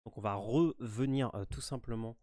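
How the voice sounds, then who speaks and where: A man with a French accent talks through a game walkthrough in a loose, unhurried way, pausing often and restarting his sentences. His voice sits at a middle pitch. The sound is dry and close, with no room echo. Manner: relaxed, hesitant, many fillers and restarts. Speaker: gaming walkthrough host. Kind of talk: casual game walkthrough commentary.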